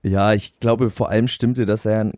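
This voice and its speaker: A man co-hosting a podcast, telling a long anecdote in a rambling, animated way and laughing at his own story. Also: on the low side, normal speed, no echo, studio quality. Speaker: podcast co-host.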